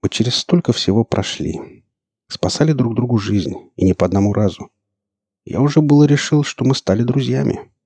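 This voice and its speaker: A man's voice: medium pitch, lively intonation, moderate pace, a little mellow, breathy edge, no echo, voice pushed up. A man voicing an earnest young male stalker who speaks plainly and directly. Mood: hurt.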